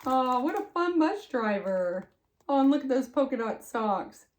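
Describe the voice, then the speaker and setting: An older woman reads aloud in the manner of a sweet, folksy grandma. Her voice sits a little high and moves in very lively swings. She keeps slipping into chatty, affectionate asides to her young listeners, full of expressive exclamations. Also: unhurried. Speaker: grandmother reading a picture book to children.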